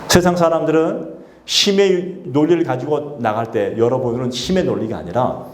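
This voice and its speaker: In an echoey church sanctuary, a male pastor delivers a sermon at a moderate pace in a medium-pitched voice. He exhorts the congregation and calls on them to respond.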